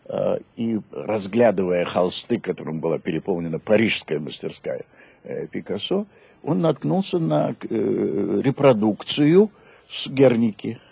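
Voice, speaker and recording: An older man reminiscing in an interview, halting and deliberate, with emphatic descriptions in a gravelly, husky voice. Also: lowish voice, lively intonation, dark tone, no echo. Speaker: interview guest.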